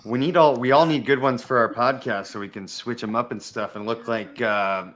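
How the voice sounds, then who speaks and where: Man, podcast chat, joking, easygoing banter, mid-pitched voice. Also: fairly even intonation, normal speed, a bit bright. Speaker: podcast guest host. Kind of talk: casual chat.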